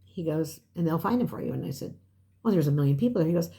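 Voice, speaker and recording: Lively older woman telling a story. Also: low voice, fast talker. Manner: animated storyteller, acts out quotes. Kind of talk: casual chat.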